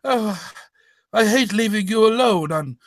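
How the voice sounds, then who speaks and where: A man's voice: high-pitched, animated, measured pace, dry recording, clean studio sound. A man playing a fussy old doctor in a hammed-up radio play, stammering and rambling as he goes. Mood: flustered, fussy. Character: doddering, fussy old English doctor Watson reminiscing. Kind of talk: hammed-up old-time radio acting with comic ad-libs.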